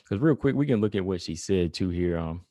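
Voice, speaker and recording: Low-voiced man, casual podcast talk. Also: lively intonation, brisk, warm tone, no room sound. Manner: conversational, many fillers like "you know" and "like"; reads quotes aloud then comments. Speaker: podcast host. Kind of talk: casual solo podcast commentary.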